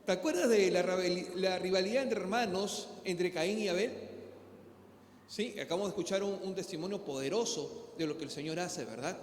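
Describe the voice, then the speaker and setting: High-voiced Peruvian pastor preaching in an echoey hall. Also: male voice, moderate pace, a little hiss or hum. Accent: Peruvian Spanish. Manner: conversational preaching, acts out dialogues. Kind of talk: sermon. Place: church hall. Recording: echoey hall with faint ambience.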